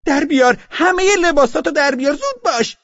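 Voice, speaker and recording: A man's voice: extremely high pitch, steady tone, no echo, lo-fi sound, pitched above the performer's own voice. A man narrating an audiobook voices a fussy bride obsessed with cleanliness, who shrieks orders and scolds with disgust. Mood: shrill commanding. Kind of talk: audiobook character voice.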